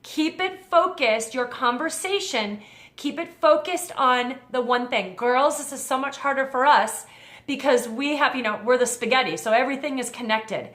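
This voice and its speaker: Mom-advice host lady, high voice, casual numbered tips, bit of room echo. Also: normal speed, a bit bright. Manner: friendly, conversational, walks through a numbered list.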